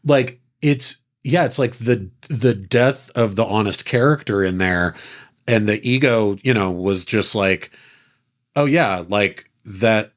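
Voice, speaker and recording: A man's voice: lowish voice, measured pace. A man co-hosting a podcast, casually discussing a film and acting out quotes in playful voices. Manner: animated, acts out quotes in character voices. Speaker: podcast co-host.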